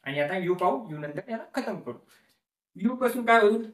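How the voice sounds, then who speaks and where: A man's voice: high-pitched, lively intonation, normal speed. Male teacher, patient drilling style, repeats words, asks and answers his own questions, roomy echo, mic a little way off. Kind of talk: classroom-style lesson explanation. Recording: echoey room, voice from a distance.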